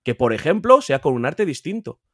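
A man from Spain with a Spain Spanish accent, a collector guest talking casually on a podcast, emphatic and animated, repeating words and swearing freely. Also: moderate pace, no room sound, studio quality. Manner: animated, pitch jumping up when insisting. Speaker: guest, video game collector.

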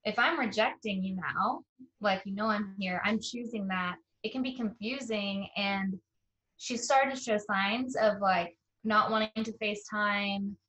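A young woman, an interview guest, tells a personal story in a casual, earnest way, halting often with fillers and restarts. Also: mid-range voice, fairly bright tone, low-quality recording. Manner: emotional and earnest.

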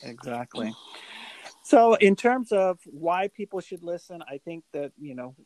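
A man's voice: a little high, big pitch swings, a little slow, a little mellow, a little hiss or hum, low-quality recording. A man in his forties co-hosting a podcast, talking reflectively with many fillers and restarts. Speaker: podcast co-host. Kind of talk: casual podcast chat.

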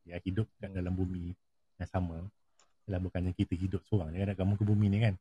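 A man telling a ghost story in casual chat. He repeats key phrases and drops into hushed tones at tense moments. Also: low-pitched, little pitch movement, fast talker, husky, muffled recording.

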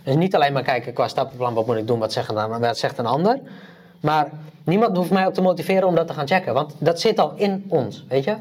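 A man talking in a casual podcast chat. He speaks fast, in a slightly higher-than-average voice. He is animated and enthusiastic and keeps restarting his sentences. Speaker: podcast co-host.

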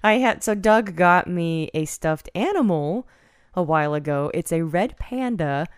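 Woman, podcast co-host, very expressive intonation, casual chat, wry and teasing, close dry recording. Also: on the low side, measured pace, clear, resonant tone, no echo.

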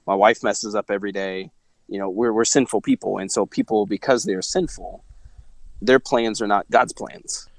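A man from Missouri talks through his story in a low voice, circling back with fillers and restarts. His speech sounds dry and close, with no room around it. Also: steady tone, normal speed, dry recording. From Missouri, USA. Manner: reflective, rambling with many fillers and restarts. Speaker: interview guest. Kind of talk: casual faith-based conversation.

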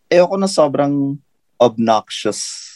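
A man's voice: medium pitch, animated, takes it slowly, darkish tone, dry recording. A man, a podcast guest who trains people in English, talking in casual Taglish and explaining pronunciation carefully.

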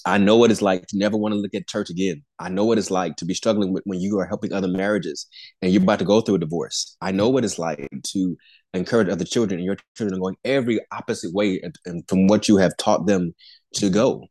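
A man in his forties with a low, darkish voice talks fast in a clean, dry recording. A pastor and Air Force airman, he shares an earnest faith testimony as a podcast guest, often restarting and repeating words with small chuckles.

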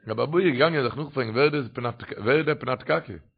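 A man telling religious stories in a sermon, lively and rising sharply in pitch whenever he quotes someone. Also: moderate pace, creaky, slightly rough. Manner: animated, rising sharply when quoting others. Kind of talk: storytelling sermon. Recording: dull lo-fi recording.

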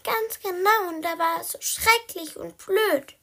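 A woman voicing a small, excited male baby kitten who talks in a squeaky, eager, pleading way, in a storybook. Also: unhurried, creaky, heavily acted.

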